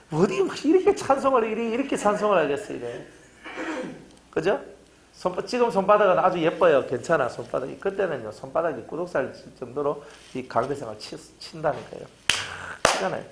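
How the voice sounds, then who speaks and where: A middle-aged male pastor, preaching a fervent sermon full of hammering rhetorical questions. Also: on the high side.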